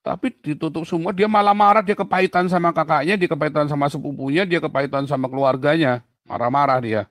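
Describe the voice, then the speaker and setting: In a sermon-style Q&A, a man with a slightly high voice teaches at a fast clip. He tells stories energetically, acting out the voices of the people in them and of God. The studio-quality recording has no room sound.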